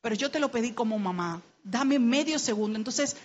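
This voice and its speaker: A little high and expressive, this middle-aged Dominican woman's voice moves a little fast through lo-fi sound. Sharing a personal story at a panel talk in her Dominican Spanish accent, she is earnest and heartfelt, becoming urgent as she calls on listeners to act.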